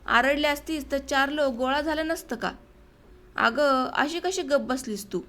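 A woman's voice: high-pitched, unhurried. Woman voicing a furious village husband. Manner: shouting, bitter outbursts. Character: enraged young village husband, humiliated and violent.

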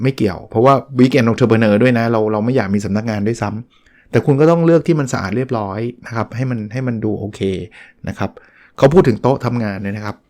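A middle-aged man hosting a solo podcast, talking through a book in a relaxed, conversational way with frequent restarts and polite particles. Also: mid-range voice. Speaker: podcast host reviewing a book. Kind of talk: casual solo talk.

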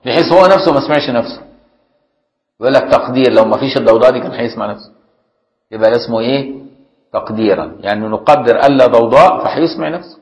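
An Egyptian man teaching a religious lesson in a mid-pitched voice. He moves between reading a classical legal text and plain colloquial explanation. He often stops to ask his listeners if they have followed. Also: poor audio. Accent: Egyptian Arabic. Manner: reads a classical text, then glosses it in colloquial speech. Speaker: Islamic jurisprudence teacher.

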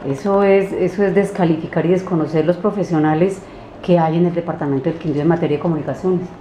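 A woman interviewer asking halting questions with many hesitations. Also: on the low side, steady tone, mellow. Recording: dull, roomy, faint noise.

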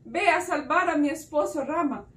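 A woman's voice: high-pitched, moderate pace, fairly bright tone, pitched above the performer's own voice. A woman voicing an anxious young princess who pleads for help, in a children's storybook telling. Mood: pleading. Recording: roomy echo, distant mic.

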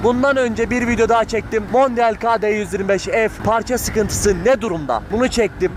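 Riding through town, a Turkish motovlogger talks from inside his helmet in a high-pitched, fairly quick voice. He rambles informally and keeps cutting himself off, with road and engine noise clearly audible.

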